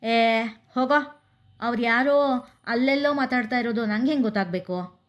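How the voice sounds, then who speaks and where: A woman's voice: a little high, normal speed, close to an everyday voice. Woman playing a bold, defiant village girl. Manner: cool, offhand and defiant.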